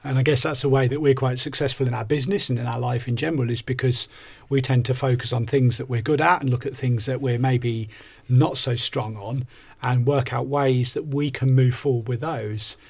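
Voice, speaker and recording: A man's voice: medium pitch, fairly even intonation, a little fast, vocal fry, a little mellow, breathy edge. A man co-hosting a podcast conversationally, explaining ideas with examples like an upbeat life coach. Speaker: podcast co-host and workshop coach.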